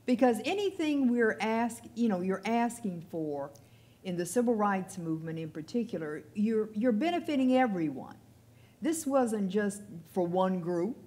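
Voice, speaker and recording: A woman's voice: medium pitch, expressive, unhurried, mellow. An older woman speaking as an archivist on a panel discussion before an audience, in a conversational way, thinking aloud. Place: event hall with audience.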